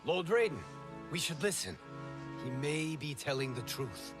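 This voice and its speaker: Liu Kang, an animated heroic monk. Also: male voice, a little high, measured pace. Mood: urgent pleading. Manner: urgent, sincere. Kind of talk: dramatic video game acting. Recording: loud music behind.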